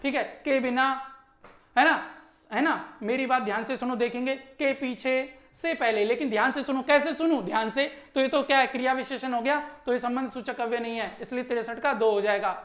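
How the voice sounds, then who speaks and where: A male teacher going briskly through an exam answer key, emphatic and constantly checking in with his students. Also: very high-pitched, fairly bright tone, roomy sound.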